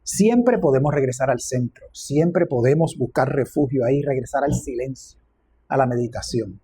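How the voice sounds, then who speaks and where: Preacher, male, reflective with light humor, mellow husky tone. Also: mid-range voice, moderate pace. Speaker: minister. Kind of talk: sermon.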